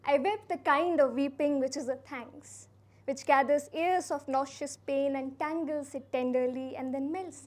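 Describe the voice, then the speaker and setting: A young woman from India performing a spoken word poem at a college event, with a soft, earnest and unhurried delivery. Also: high-pitched. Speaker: slam poet.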